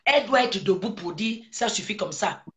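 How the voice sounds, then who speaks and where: Une femme originaire du Gabon qui prononce un discours politique passionné, martèle ses phrases et enchaîne les questions rhétoriques. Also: female voice, medium pitch, lively intonation, moderate pace, a bit bright. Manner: emphatic, repeats phrases, rhetorical questions. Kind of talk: impassioned political speech.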